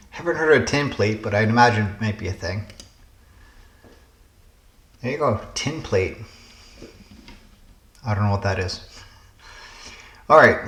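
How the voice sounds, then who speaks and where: A man's voice: medium pitch, a bit bright, echoey room. A man hosting a puzzle game channel, casually thinking aloud through word puzzles, musing and hesitating as he guesses.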